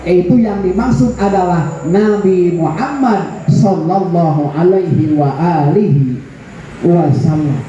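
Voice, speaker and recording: In a very echoey hall, recorded with dull lo-fi sound and faint noise, a man with a Sundanese accent preaches to a women's gathering. His voice is high, slow and dark in tone as he tells stories, acts out the quoted voices and jokes with the audience.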